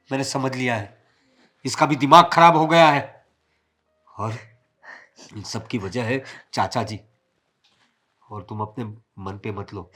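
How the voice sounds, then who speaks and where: An actor playing a caring elder brother who consoles his upset wife gently and earnestly. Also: mid-range voice. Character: caring elder brother and husband, adult man. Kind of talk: scripted family drama acting.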